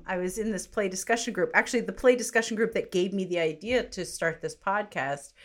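Playful, chatty woman podcast co-host. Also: mid-range voice. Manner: chatty and playful, laughs often. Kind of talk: casual podcast chat.

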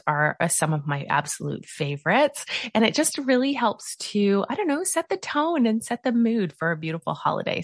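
A woman's voice: fairly low pitch, dry recording, clean studio sound. A woman hosting a solo podcast in a casual, chatty way, gushing with enthusiasm. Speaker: podcast host.

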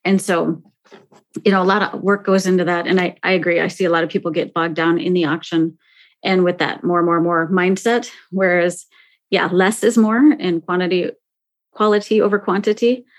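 A woman's voice: fairly low pitch, fairly even intonation, moderate pace. A woman hosting a podcast interview in a conversational style. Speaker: podcast host.

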